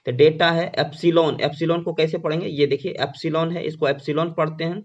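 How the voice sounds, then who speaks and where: A man with a slightly high voice teaches slowly, putting questions to his class and answering them himself. The sound is dull and lo-fi. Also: fairly even intonation. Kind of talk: classroom lecture.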